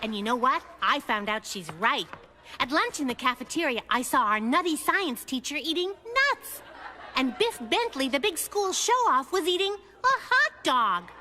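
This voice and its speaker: A woman's voice: high voice, big pitch swings, normal speed, heavily acted. A woman voicing Little Lulu, a clever and bossy little girl in a cartoon who talks in a sly, confident, cheeky way. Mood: chatty. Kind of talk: cartoon voice acting. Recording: studio voice over loud cartoon music.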